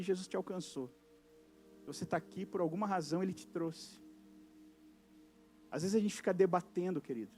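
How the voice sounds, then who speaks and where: Preaching an evangelical sermon at a church youth service, a high-pitched man with a Brazilian Portuguese accent performs short dialogues. His voice keeps shifting between loud and soft.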